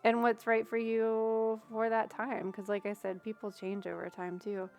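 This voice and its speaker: Her voice runs on the high side, monotone and darkish, at normal speed, as a young woman streams tarot readings. She chats casually with viewers, thinking aloud with plenty of fillers, while faint music plays behind her.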